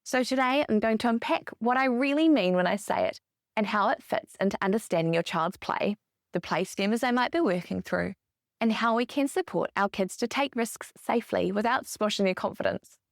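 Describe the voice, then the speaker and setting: A woman in her thirties hosting a podcast, giving an upbeat scripted monologue that explains each point with lively emphasis. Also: medium pitch, brisk, vocal fry, dry recording, clean studio sound. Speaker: podcast host.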